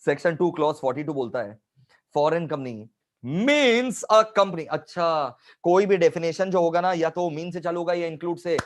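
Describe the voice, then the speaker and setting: A man's voice: on the high side, moderate pace. A man teaching a live online revision class, emphatic, repeating key points and adding scolding asides to his students.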